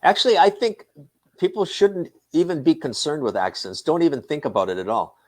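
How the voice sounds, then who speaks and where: A middle-aged man from the northern United States with a Midwestern American accent, an English instructor calmly explaining in short, repeated points. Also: a little high, brisk. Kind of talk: casual conversation.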